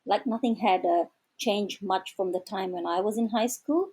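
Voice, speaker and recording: Woman, middle-aged, Indo-Fijian accent, mellow and breathy, hesitant reflective interview guest. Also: mid-range voice, normal speed. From Fiji. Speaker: interview guest, doctoral researcher.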